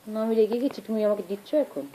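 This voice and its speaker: Woman, mock-cross and teasing with a toddler at home; very warm, dark tone. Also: mid-range voice, fast, slight background noise, poor audio. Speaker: family member playing with a toddler. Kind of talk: home video baby talk.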